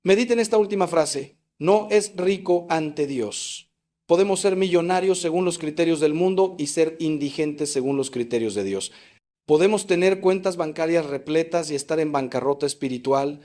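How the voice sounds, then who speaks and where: A male priest delivers a sermon in a somewhat high voice. His preaching is emphatic, swinging up for stress and dropping low at the ends of phrases. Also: fairly quick, dark tone. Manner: emphatic preaching with sweeping rises and falls.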